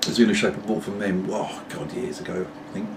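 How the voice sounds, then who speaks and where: Deep-voiced and brisk, with fairly even intonation, this middle-aged British vlogger smokes a pipe while chatting to camera. His home recording wanders along with apologetic asides. He's off-mic, and the background is clearly noisy.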